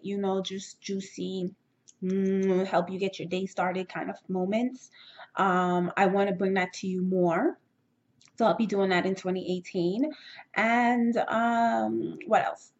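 A woman's voice: medium pitch, lo-fi sound. A woman hosting her own podcast, talking casually and upbeat to her listeners from a setup at home. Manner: chatty and upbeat, switching into a soft breathy whisper for effect. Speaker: podcast host.

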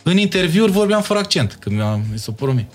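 A man's voice: high-pitched, sing-song, faint music behind. A young man with a Moldavian Romanian accent, speaking as an interview guest in casual talk and stressing his points by repeating words.

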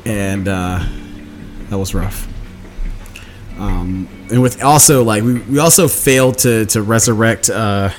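A man's voice: lowish voice, slow pace, pauses often, soft background music. A man casually recapping a tabletop game session as one of its players, meandering through the story and acting out quotes.

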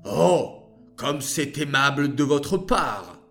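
A man's voice: a little high, animated, takes it slowly, fairly bright tone, faint music behind, full character voice. A man voicing a self-pitying, theatrical king in a children's story. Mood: smug.

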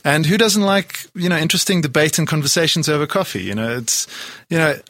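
A man's voice: on the high side, fairly quick, fairly bright tone, no room sound. A man from Poland, a guest entrepreneur, chatting casually in an interview with lots of restarts and fillers. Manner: rambling, many restarts and fillers. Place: South Africa.

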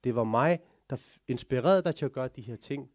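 A man voicing a scheming male devil who tempts a pious man, speaking low and hushed in a coaxing way. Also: no echo, close to an everyday voice.

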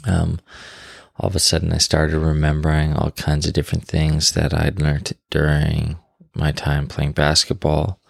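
A man with a very low voice and a gravelly fry at the edges talks as a podcast host. He sounds tired and rambles informally, unscripted, in a close, dry recording. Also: monotone, a little slow, dry recording. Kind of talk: casual solo podcast chat. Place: bedroom in a new home, on his bed.

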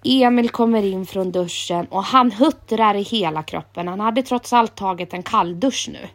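Woman reading a children's story. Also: mid-range voice. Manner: calm, gentle storytelling.

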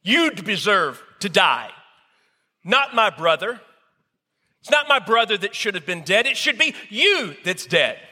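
A man voicing a grieving, furious brother who shouts accusations in a raised voice. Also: sits high, big pitch swings, a little slow, husky, long reverb tail, voice pushed up, heavily acted.

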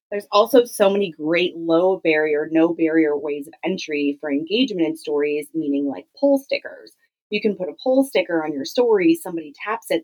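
A woman with a slightly low voice speaks as a solo podcast host. She teaches in a conversational style. Her delivery is emphatic, with phrases repeated to make points land. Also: a little mellow, poor audio. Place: home clothes closet used as podcast booth.

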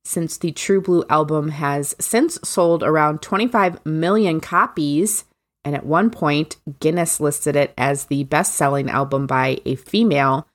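A woman co-hosts a casual music podcast with a frank, easy manner, laughing often. Her voice is notably low for a woman. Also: unhurried. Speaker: podcast co-host. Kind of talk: casual chat.

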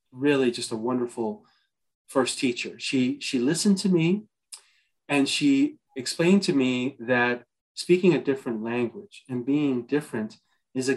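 A man's voice: medium pitch, rough recording. A middle-aged man from the United States, a journalist being interviewed, answering earnestly and thoughtfully, often checking in with "right?" and restarting his phrases. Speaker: journalist guest.

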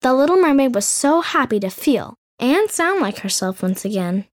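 A woman's voice: sits high, sing-song, moderate pace. A woman telling a fairy tale as the show's storyteller in scripted narration, with playful, sarcastic asides.

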